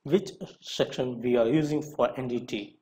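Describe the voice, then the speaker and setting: In a rough recording, a male instructor deliberately reads a scripted question-and-answer lesson, giving each question and its short answer. His pitch is medium and his tone warm.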